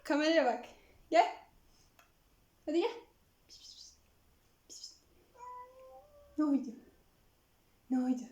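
Yüksek sesli genç kadın vlogcu, yankılı odada. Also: female voice, high voice, a little mellow. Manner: affectionate baby talk to her cats. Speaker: vlogger showing her cats. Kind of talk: casual chat to camera. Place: at home, indoors. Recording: echoey room.

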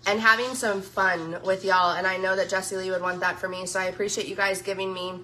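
A woman's voice: medium pitch, little pitch movement, fairly quick, pushed and bright. A woman chatting in a casual live stream, gushing over products she tries and saying "y'all" to her viewers. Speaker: social media influencer.

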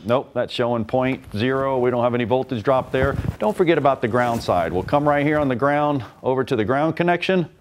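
A man's voice: medium pitch, fairly quick, few pauses, very noisy. A man in his forties, a technician and instructor, giving a folksy, plain-spoken repair demonstration in a large workshop on a lapel mic. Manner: folksy, plain-spoken, explains while working.

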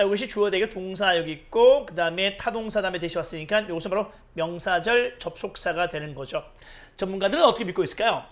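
A man lecturing on an English exam passage, explaining grammar and quizzing with short questions, and reading English lines slowly. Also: sits high, a bit bright. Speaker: English teacher.

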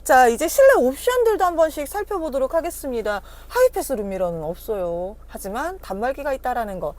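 A woman's voice: high voice, big pitch swings, brisk, a little mellow. A woman car dealer doing a casual, chatty sales walkaround, persuasively addressing her customers. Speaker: used-car dealer presenting a car. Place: on location outside and inside a car.

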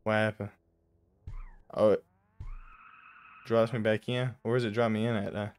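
A young man giving casual, jokey commentary while playing a horror driving game, slangy and quick to yelp when startled. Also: lowish voice, little pitch movement, clear, resonant tone, soft background music. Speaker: gaming YouTuber.

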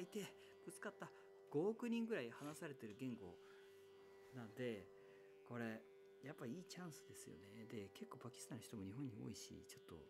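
A man talking casually on his own as a musician recruiting singers, chatty and often correcting himself. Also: mid-range voice. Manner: chatty, self-correcting, sings short chant lines to demonstrate. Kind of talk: casual solo talk.

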